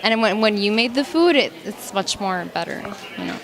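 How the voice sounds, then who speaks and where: A woman of twenty answering interview questions in a thoughtful, halting way. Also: medium pitch, expressive, some chatter behind. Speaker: student interviewee.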